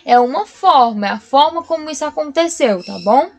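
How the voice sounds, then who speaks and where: A woman with a high voice teaches a recorded grammar lesson. She explains patiently, one point at a time, and keeps checking in with her class. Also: lively intonation, normal speed.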